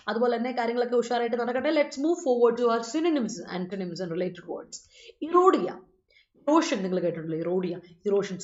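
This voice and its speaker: A woman's voice: medium pitch, darkish tone. Malayali lady teacher going over student sentences, kinda echoey, bit muffled. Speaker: English teacher. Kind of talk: live online class, reading out and correcting student sentences.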